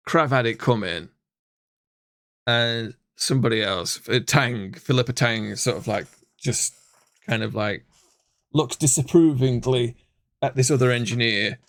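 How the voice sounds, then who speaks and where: Guy gm narrating a tabletop game, slow, lots of ums, smooth clear voice. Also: medium pitch, a bit bright, no room sound, clean studio sound. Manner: halting, full of restarts and fillers. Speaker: game master.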